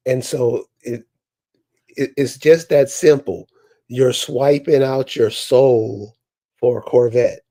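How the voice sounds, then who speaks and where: A man in casual, reflective conversation, speaking haltingly and deliberately and posing rhetorical questions. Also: mid-range voice, steady tone, mellow.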